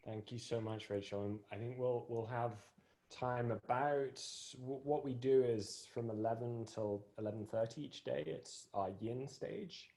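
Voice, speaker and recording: A man facilitating an online group session, encouraging, with halting restarts. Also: medium pitch, steady tone, warm tone.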